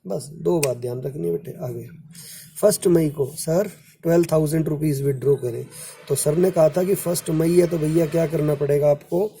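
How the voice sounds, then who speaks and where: Teaching commerce at a normal speed, a man speaks in a slightly high, gravelly voice with a warm tone and a bit of hiss or hum. He keeps things relaxed, counting off months aloud, calling students "बेटा" with affection, and quoting what they ask.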